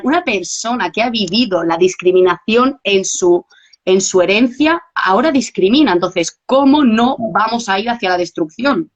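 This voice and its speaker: Woman, animated storytelling, slightly dull lo-fi recording. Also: mid-range voice. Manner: animated storytelling, acting out quoted dialogue. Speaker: guest. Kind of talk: casual conversation.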